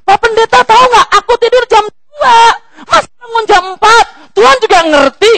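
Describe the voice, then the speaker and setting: A man putting on a tired, complaining churchgoer in a high, strained whine. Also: normal speed, gravelly, bright, forceful tone, full character voice. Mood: whiny. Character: exhausted complaining churchgoer, whiny and shrill.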